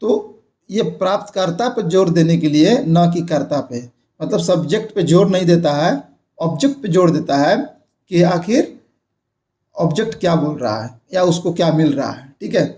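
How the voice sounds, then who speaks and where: A man's voice: on the high side, expressive, moderate pace, dark tone. A young man explaining a grammar lesson, repeating points and checking in with his viewers. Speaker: grammar teacher.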